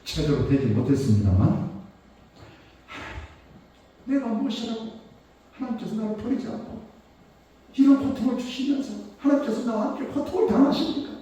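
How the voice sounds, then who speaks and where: An older male pastor preaching a sermon, telling a personal story with emotion, swinging from hushed tones to loud exclamations. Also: high voice, big pitch swings, normal speed, pauses often. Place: church sanctuary. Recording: echoey church hall, mic at a distance.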